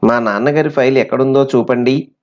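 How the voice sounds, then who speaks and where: A man's voice: mid-range voice, fairly even intonation, fairly quick, darkish tone, close to an everyday voice. A man voicing an honest, brave young schoolboy in a plain reading voice. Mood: earnest. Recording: slightly muffled recording.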